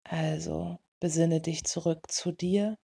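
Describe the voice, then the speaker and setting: Slow, mellow woman guiding a meditation. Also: sits low, steady tone, vocal fry, slightly rough. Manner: soothing, gentle, unhurried delivery in short phrases. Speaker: meditation guide for dog owners. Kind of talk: guided meditation.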